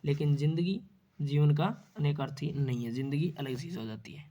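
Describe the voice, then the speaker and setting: A man's voice: fairly high pitch, moderate pace, dark tone, lo-fi sound. Man, teacher, exam-prep lesson, repeats answers, quizzes then answers himself. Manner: explains and repeats answers, asks questions then answers them.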